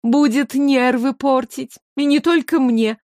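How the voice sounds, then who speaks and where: A woman's voice: high-pitched, fairly even intonation, unhurried, no echo, clean studio sound, voice pushed up. A woman doing a cool teasing water spirit. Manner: soothing yet sharp-tongued.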